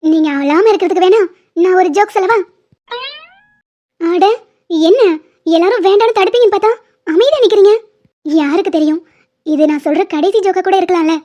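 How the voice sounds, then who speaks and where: Lady doing a cheeky young cartoon patient, really high voice, mellow, kinda dull lo-fi sound. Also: a little fast, pauses often. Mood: teasing. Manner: teasing, playful, chatty. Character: young woman patient, joking bravely before surgery. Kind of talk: cartoon drama dubbing.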